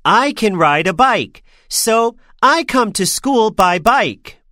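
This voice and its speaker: A woman voicing a friendly young schoolboy in a textbook listening dialogue, speaking slowly and clearly. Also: on the high side, no echo, studio quality, full character voice. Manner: lively, clear, slow. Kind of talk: slow scripted textbook dialogue.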